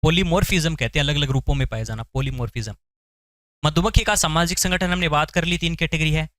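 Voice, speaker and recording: Man, science teacher, exam-prep lecture, bright tense voice, dry close sound. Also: fairly high pitch, fast, no room sound. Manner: asks questions then answers them; repeats key terms for memorizing.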